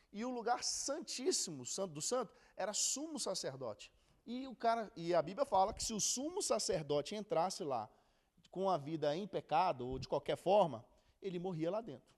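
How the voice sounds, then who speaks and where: Animated man teaching Bible. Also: high voice. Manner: chatty and animated, acts out quotes with laughter. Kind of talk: casual Bible lesson.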